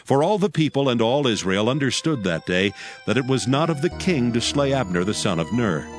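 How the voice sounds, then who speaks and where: A man giving a measured, scripted narration of scripture. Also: medium pitch. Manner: measured, even reading. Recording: music bed under voice.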